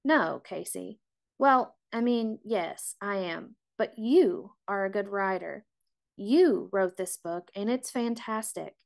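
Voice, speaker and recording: A woman's voice: mid-range voice, creaky. A woman reading as a heartfelt writing coach. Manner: slow, heartfelt.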